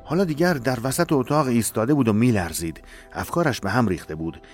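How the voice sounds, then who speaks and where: A man reading a dramatic novel aloud in a measured, emotive storytelling voice. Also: medium pitch, lively intonation, soft background music. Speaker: narrator. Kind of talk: dramatic audiobook narration.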